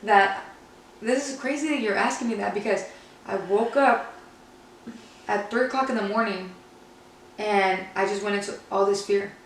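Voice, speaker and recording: A woman's voice: medium pitch, normal speed, long pauses. Woman chatting candidly in a very echoey room. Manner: candid, anecdotal storytelling. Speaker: podcast co-host. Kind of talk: casual personal faith conversation. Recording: very echoey room, distant mic, faint noise.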